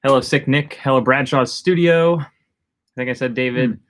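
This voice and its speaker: Relaxed man chatting on a livestream. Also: mid-range voice, normal speed, slight background noise. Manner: rambling, greets chat viewers by name. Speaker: livestream co-host. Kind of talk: casual livestream chat.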